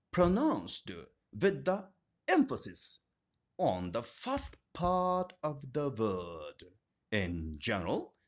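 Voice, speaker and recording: A man teaching an English grammar lesson, speaking slowly and deliberately and repeating each term with strong stress. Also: on the high side. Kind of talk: scripted grammar lesson narration.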